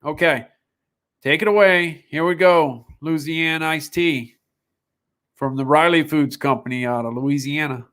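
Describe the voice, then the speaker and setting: A man's voice: fairly high pitch, a little slow, a bit bright. A man hosting a live sales stream, talking casually in a rambling way with restarts. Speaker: online sales show host.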